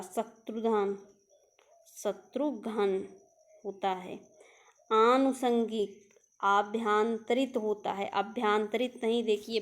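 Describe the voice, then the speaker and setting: A woman's voice: fairly high pitch, darkish tone. A young woman teaching an exam-prep spelling lesson, going through words one by one and asking rhetorical questions. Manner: drills word by word, asks rhetorical questions. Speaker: Hindi teacher.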